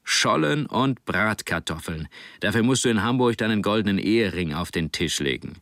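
A man voicing a proud middle-aged father in an audiobook, speaking slowly and fondly. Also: fairly low pitch, lively intonation, a bit bright, no echo, studio quality. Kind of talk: audiobook character reading.

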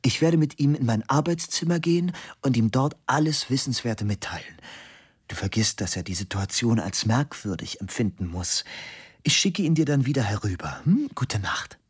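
Ein Mann, der in einer Hörbuchlesung einen verschlafenen, höflich vorwurfsvollen Rechtsanwalt spricht. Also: male voice, mid-range voice, animated, normal speed, breathy edge, pitched above the performer's own voice. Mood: weary polite. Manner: yawning, courteous, reproachful. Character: sleepy, polite, reproachful male lawyer.

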